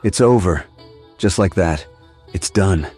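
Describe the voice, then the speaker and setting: A man's voice: low voice, takes it slowly, darkish tone, soft background music. A man voicing a refined, fawning villain's sidekick in a comic dub, speaking in florid, reverent phrases.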